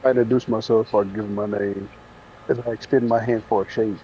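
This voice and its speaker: A man's voice: fairly low pitch, steady tone, fast, mellow. A man playing a tabletop game, talking in a teasing drawl. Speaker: player. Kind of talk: casual tabletop play. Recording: dull lo-fi audio with faint noise.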